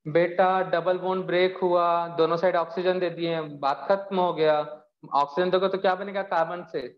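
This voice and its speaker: Chem teacher guy, higher voice, patient step by step explaining, echoey dull audio. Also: fairly even intonation, moderate pace. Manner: patient, calls students beta, explains step by step. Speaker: chemistry teacher. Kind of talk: live online class.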